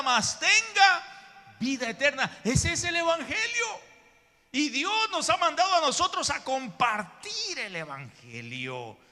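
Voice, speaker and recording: A man's voice: high voice, bright, forceful tone, long reverb tail. A male pastor preaching a sermon in church, emphatic, calling his listeners brother and acting out the people in his stories. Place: church sanctuary.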